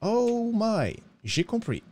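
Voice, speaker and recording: Over a loud crowd, a man in an exaggerated voice plays a down-and-out, blundering cowboy in a western roleplay, using a fake accent. He speaks slowly with big pitch swings, pleading theatrically, sliding his pitch and attaching "hein" to his lines.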